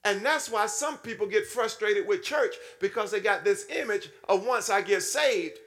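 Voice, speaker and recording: A man's voice: expressive, normal speed, fairly bright tone. A man preaching a sermon in a style, calling out to the congregation and acting out little scenes in swooping voices. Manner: call-and-response preaching, frequent "Hmm?" to the congregation; acts out voices with sudden high swoops and low drops.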